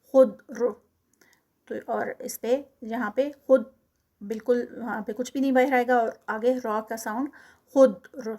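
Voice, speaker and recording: A woman teaching Quran recitation. She chants each word slowly and louder, then explains each rule quietly and quickly. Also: a little high, fairly even intonation. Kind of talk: recitation lesson, Urdu with English terms.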